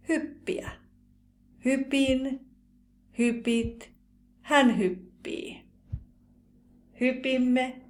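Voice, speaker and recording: A woman teaching a language lesson, slowly and deliberately pronouncing verb forms one by one in a scripted grammar drill. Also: a little high.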